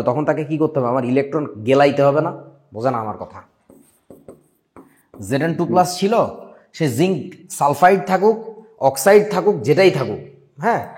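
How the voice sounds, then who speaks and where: Blunt chemistry teacher, man. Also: on the high side. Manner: blunt, scolding, mixes English words, quizzes students. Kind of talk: online class lecture.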